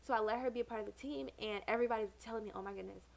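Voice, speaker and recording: A woman's voice: fairly high pitch, fairly even intonation, very fast, vocal fry. A young adult woman co-hosting a podcast in casual chat, chatty and full of "like". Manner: chatty, says "like" often. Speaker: podcast co-host.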